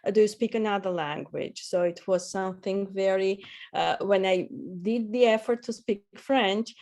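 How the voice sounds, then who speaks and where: A woman, answering interview questions hesitantly with many pauses and fillers. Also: mid-range voice, warm tone. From Armenia. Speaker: guest.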